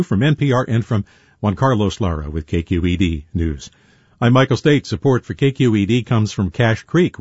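Male radio announcer, husky, lively pitch, tinny lo-fi radio sound. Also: no echo. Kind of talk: station announcements, sponsor reads and weather. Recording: dull lo-fi radio broadcast.

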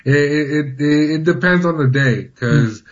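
A man's voice: fairly high pitch, unhurried, dull audio. A man in his thirties, from Honduras and raised in California, telling his story as an interview guest, often restarting and repeating words. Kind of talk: personal account in a news interview.

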